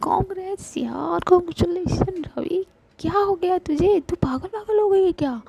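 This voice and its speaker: A woman with a cold voicing a caring young woman who comforts a crying friend, soothing and pleading in a breathy half-whisper. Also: a little high, takes it slowly, no room sound, heavily acted. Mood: overjoyed. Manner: soothing, then pleading and excitable. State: has a cold and flu.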